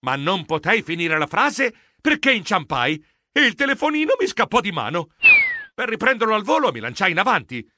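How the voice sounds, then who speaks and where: A man giving animated, expressive narration of a children's audiobook, voicing a flustered mouse hero. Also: high-pitched, moderate pace, heavy background noise. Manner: expressive, excitable.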